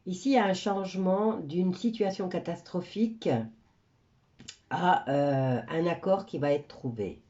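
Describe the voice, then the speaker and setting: Stuffed up and coughing from a cold, this woman reads tarot cards casually for her viewers, her talk chatty, meandering and full of hesitations. Fairly low in pitch, she speaks unhurriedly in a dark tone, with the high frequencies cut off.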